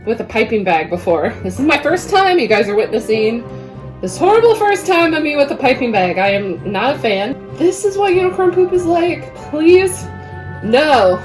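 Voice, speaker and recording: High, swooping, playful woman baking vlogger. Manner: playful, theatrical, sing-song exaggerated delivery. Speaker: host of a baking show. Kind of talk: comedic baking vlog.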